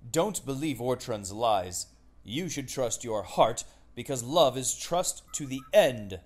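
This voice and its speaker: A man's voice: mid-range voice, expressive, takes it slowly. A man voicing a noble young knight in a fairy tale cartoon, speaking in a solemn, formal, declamatory way. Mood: grave, pleading. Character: noble solemn young swan knight, loving but firm. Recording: music behind the voice. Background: music.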